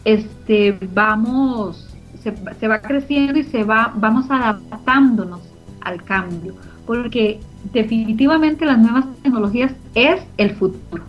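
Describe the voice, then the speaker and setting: Speaking at a measured pace with few pauses and a voice on the high side, this middle-aged Costa Rican woman responds to an interviewer earnestly. She co-founded a community radio organization and repeats phrases to drive points home, while background music plays under muffled, lo-fi sound.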